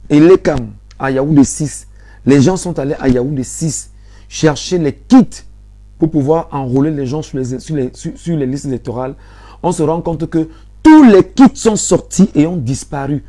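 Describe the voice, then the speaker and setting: A Cameroonian man with a very dark, mellow voice addresses his live-stream audience. His Cameroonian French accent carries a low-key, soft-spoken delivery. He keeps repeating himself, pleading and pressing the point with growing urgency. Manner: insistent, repeats phrases, pleading.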